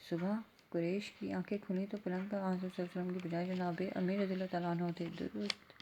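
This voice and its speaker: A woman schoolteacher with a Pakistani Urdu accent, calmly going through exercise answers and spelling out vowel marks letter by letter. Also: on the low side, a little hiss or hum. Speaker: school teacher. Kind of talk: classroom lesson, answering exercise questions.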